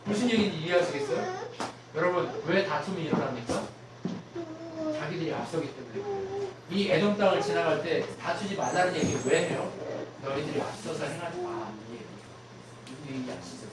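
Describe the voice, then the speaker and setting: A pastor preaching a sermon, constantly quizzing the congregation with rhetorical questions and swinging from loud emphatic peaks to hushed low lines. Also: a little fast, long pauses. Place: church sanctuary. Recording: very echoey hall, mic far off, steady ambient noise.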